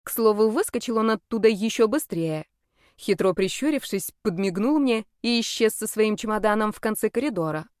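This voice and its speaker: A woman narrating a first-person fantasy novel in a lively, wry manner. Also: mid-range voice, moderate pace, dry recording, clean studio sound. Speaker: audiobook narrator.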